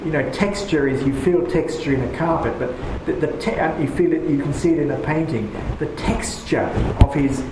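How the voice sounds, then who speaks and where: A man's voice: on the high side, moderate pace, few pauses. A man leading a poetry class, talking with enthusiasm and many restarts as he rambles. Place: room with paintings, a group seated. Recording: echoey room with background noise.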